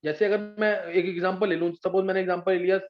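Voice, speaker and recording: A man's voice: high-pitched, little pitch movement, fast, soft background music. A man teaching chemistry in a live class, patiently explaining step by step and often checking whether his students follow. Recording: dull lo-fi sound.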